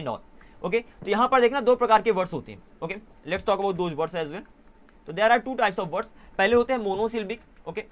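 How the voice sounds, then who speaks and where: A young man teaching an online English class in a casual way, often pausing to correct himself. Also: high voice, a bit bright. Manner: casual, self-correcting, mixes Hindi and English.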